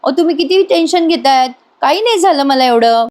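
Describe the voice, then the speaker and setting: A woman's voice: high voice, animated, a little fast, a little mellow, voice pushed up. A woman voicing a kind young wife who soothes everyone around her. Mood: reassuring.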